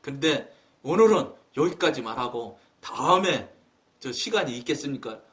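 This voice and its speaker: A man's voice: mid-range voice, expressive, moderate pace, fairly bright tone, voice pushed down, close to an everyday voice. A man voicing a senior male pastor who speaks in a polite, formal, hesitant way.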